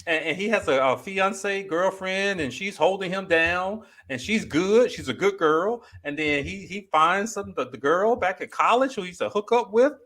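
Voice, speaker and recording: A man's voice: high voice, expressive, normal speed, hardly any pauses, fairly bright tone. A man hosting a talk show as a therapist, giving direct, informal advice in a conversational way.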